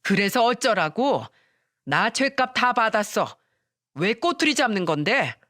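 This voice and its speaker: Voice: mid-range voice, animated, a little slow, no echo, studio quality. A narrator putting on a brazen, scornful mother-in-law. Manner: shouting, defiant, scornful. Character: brazen shameless middle-aged mother-in-law.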